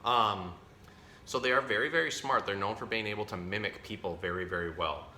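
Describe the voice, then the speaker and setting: Speaking quickly in a lowish, bright voice with plenty of force, this man plays zookeeper at an animal storytime. He chats easily with kids, simplifies things, and fixes his own slips as he talks. There's a roomy echo and a little background noise.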